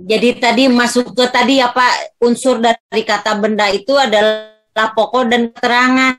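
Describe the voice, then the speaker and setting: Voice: mid-range voice, little pitch movement, moderate pace, fairly bright tone. A student in an online class, murmuring agreement and comparing the grammar with English. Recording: noisy video call.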